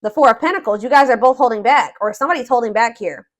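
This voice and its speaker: A tarot reader and host with a fairly high voice talks through a reading casually and without a script, speaking at a quick pace. She muses hesitantly, hunting for words and often repeating and rephrasing what she just said.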